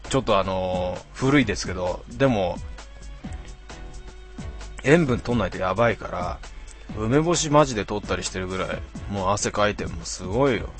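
A man in his twenties, a bit tipsy, chatting casually on a live stream as he reads out viewer comments in rough, slangy, self-mocking banter. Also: lowish voice, lively intonation, normal speed, soft background music. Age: 20s.

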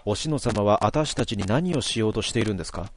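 A man's voice: on the low side, expressive, quick pace, slight background noise, natural voice. A man voicing an earnest young man in a game, who asks polite, serious questions.

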